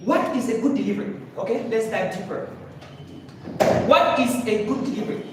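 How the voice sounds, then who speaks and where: A man's voice: high voice, expressive, moderate pace. A man coaching public speaking in a live workshop, demonstrating points and quizzing the audience. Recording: echoey room, far from mic, noisy.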